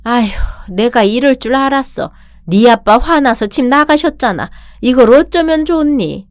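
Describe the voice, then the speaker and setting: A woman's voice: high-pitched, lively intonation, measured pace, no room sound. A woman voicing a meek, hurt mother-in-law in her sixties in a radio drama, pleading and self-pitying.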